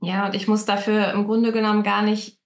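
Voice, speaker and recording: A woman's voice: mid-range voice, little pitch movement, fairly quick, echoey room. A woman interviewer thinking aloud in a tentative follow-up.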